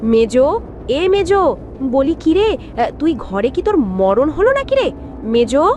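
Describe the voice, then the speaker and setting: A woman's voice: medium pitch, big pitch swings, moderate pace, a little hiss or hum, natural voice. A woman voicing a spiteful, bossy sister-in-law who scolds and sneers in a cartoon drama. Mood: scolding, sarcastic. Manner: scolding, sarcastic.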